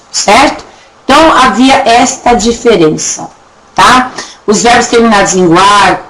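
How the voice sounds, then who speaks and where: A woman teaching a recorded Portuguese grammar lesson with a Brazilian accent, chatty, checking in often with her students and slowly stretching words to show how they are pronounced. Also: fairly high pitch, rough recording. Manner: drags words out slowly to demonstrate pronunciation. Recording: faint background noise and clicks.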